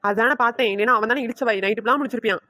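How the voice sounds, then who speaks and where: A woman's voice: racing, bright, forceful tone, no echo. A woman voicing a nagging, sarcastic middle-aged mother-in-law in a cartoon. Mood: scolding. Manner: scolding, sarcastic, shrill. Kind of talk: cartoon voice acting.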